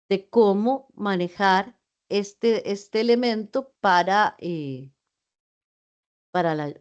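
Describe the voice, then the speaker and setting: A woman's voice: medium pitch, darkish tone, highs cut off. A middle-aged woman lecturing in an online class, explaining in a conversational way with fillers and asides, heard over a video call. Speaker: university teacher.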